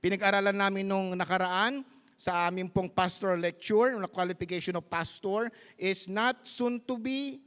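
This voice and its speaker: A man's voice: high-pitched, fairly even intonation, normal speed, a bit bright, smooth. A man preaching a live sermon as pastor, emphatic and storytelling, mixing Tagalog and English. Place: large church hall. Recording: live church sound with long reverb.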